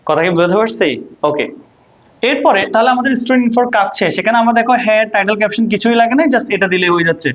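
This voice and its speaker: A man's voice: high-pitched, very fast, lo-fi sound. A male ICT teacher with a Bangladeshi Bengali accent, giving an online lecture and answering his own questions. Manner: asks questions and answers them himself, repeats "ঠিক আছে?".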